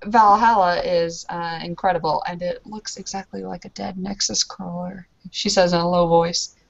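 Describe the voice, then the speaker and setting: A woman with a lowish, gravelly, steady voice plays a tabletop roleplaying game at a moderate pace, shifting between speaking as her character and narrating her actions. She sounds hesitant, with lots of ums and uhs, on a muffled lo-fi recording.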